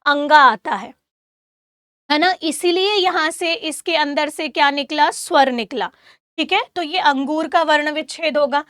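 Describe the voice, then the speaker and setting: High bright-voiced woman teacher. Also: dry recording, clean studio sound. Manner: questions and answers her own questions, drawing out sounds slowly; addresses students as "beta", gives homework. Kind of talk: exam-prep grammar lesson.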